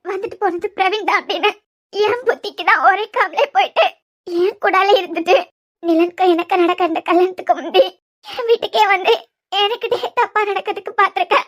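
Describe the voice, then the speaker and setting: Woman voicing a tearful young wife with a very high voice. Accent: Kanyakumari Tamil. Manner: reproachful, tearful and soft-spoken. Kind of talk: cartoon serial voice acting.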